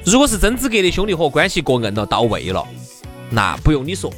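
Man, Sichuanese accent, high pitched, lively intonation, faint music. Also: fast talker. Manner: chatty, acts out flattery. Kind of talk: casual chat.

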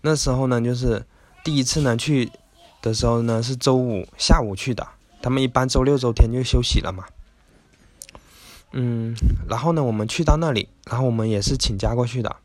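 A man's voice: mid-range voice, a little fast. A man hosting a casual self-help talk, chatty and rambling, with lots of little filler words. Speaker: podcast host.

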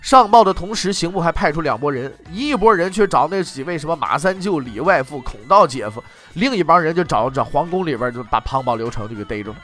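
Give me a man doing comic history storytelling, wry, lively, a bit high. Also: brisk, hardly any pauses, soft background music. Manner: wry, mocking asides with playful tags.

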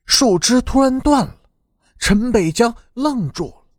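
A man narrating an audiobook with slow, dramatic storytelling. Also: extremely high pitch, animated, a little mellow, no room sound, studio quality.

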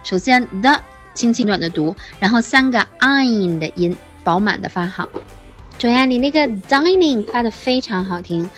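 Woman, pronunciation teacher: patient, slow demonstrations, fairly high voice, faint music behind. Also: a bit bright. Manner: patient, demonstrates words slowly, praises students. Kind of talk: online pronunciation lesson.

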